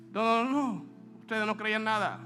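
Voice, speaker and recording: A man's voice: high-pitched, bright, forceful tone, full character voice. A man voicing a skeptical apostle who insists on seeing proof, scornful and insistent.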